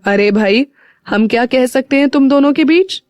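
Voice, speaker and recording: A woman voicing a calm, loving middle-aged father. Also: mid-range voice, normal speed, no echo, natural voice. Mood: gentle. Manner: calm, gentle.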